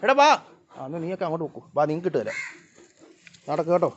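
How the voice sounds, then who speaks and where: Speaking rapid-fire in a mid-range voice, a vlogger feeding cats calls them over with short bursts of coaxing and scolding, the casual talk people use with pets. The audio is dull lo-fi with faint noise, and cats meow behind.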